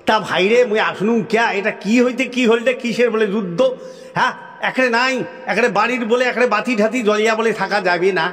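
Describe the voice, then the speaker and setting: A man's voice: sits high, fairly quick, a bit bright, in a large hall, soft background music. A man voicing chatty old village men in a folk puppet-show dialogue, speaking with a Rajbanshi accent and a folksy, repetitive manner. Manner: repetitive, folksy, laughing asides.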